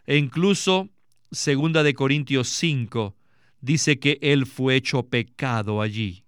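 Man, sermon interpreter, earnest, dry close sound, slow. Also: medium pitch, fairly bright tone, clean tone, no room sound.

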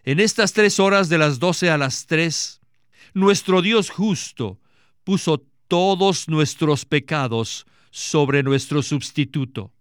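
A man's voice: on the high side, expressive, takes it slowly, clean tone, dry recording, clean studio sound. A man interpreting a sermon with an earnest, preaching cadence.

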